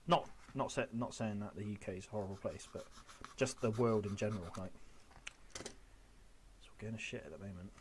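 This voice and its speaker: A man's voice: fairly low pitch, a little mellow, a little hiss or hum. A man in his twenties chatting casually while painting models on a hobby stream, rambling and correcting himself as he goes. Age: 20s.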